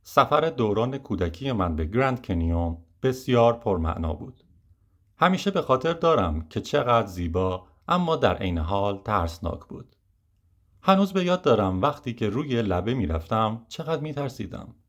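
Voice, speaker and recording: A man narrating a first-person memoir audiobook in a measured, reflective way. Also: fairly low pitch, very animated.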